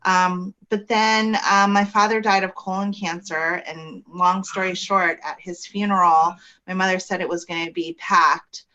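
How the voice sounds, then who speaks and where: A woman naturopathic physician explaining her field in a measured way with frequent ums, speaking from her office. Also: on the low side, steady tone, sharp tone, dull audio. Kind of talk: explanatory interview talk.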